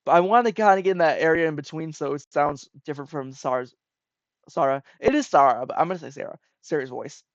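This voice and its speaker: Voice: mid-range voice, fast, hardly any pauses, no room sound. Chatty apologetic game streamer. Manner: chatty, apologetic asides to viewers. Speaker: let's play streamer. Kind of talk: casual game commentary with read-aloud dialogue. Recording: slightly dull lo-fi mic. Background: game music.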